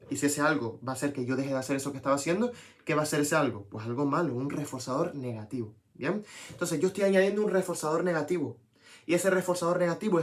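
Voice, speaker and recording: A young man giving a casual psychology lesson, lively and checking in with the viewer often. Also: medium pitch. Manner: lively, talks to viewer with frequent "¿bien?". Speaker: psychology teacher.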